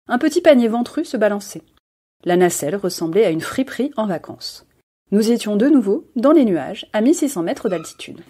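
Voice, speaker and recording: A woman reads a literary story aloud in a husky voice. She is expressive and lets dramatic pauses hang between phrases. The tone is dark and mellow. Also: mid-range voice. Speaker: reader. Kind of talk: literary audiobook reading.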